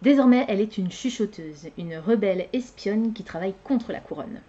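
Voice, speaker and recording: A woman's voice: medium pitch, lively intonation, moderate pace, mellow, lo-fi sound. A young woman chatting casually as a book vlogger, hesitant, with many fillers and self-corrections. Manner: laughs at her own slips. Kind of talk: casual chat.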